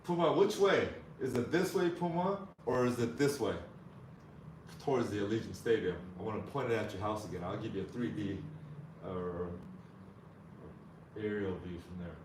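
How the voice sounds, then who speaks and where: A man's voice: fairly low pitch, moderate pace, darkish tone, recorded from a distance. A man hosting a casual livestream from a hotel suite, talking in a rambling, chatty way and often correcting himself. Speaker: vlog host. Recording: echoey room, off-mic, background noise.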